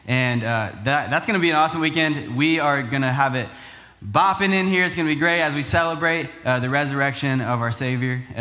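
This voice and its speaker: A man's voice: mid-range voice, pushed and bright. A man preaching as an upbeat youth pastor, talking to the church in a casual, conversational way. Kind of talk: conversational sermon.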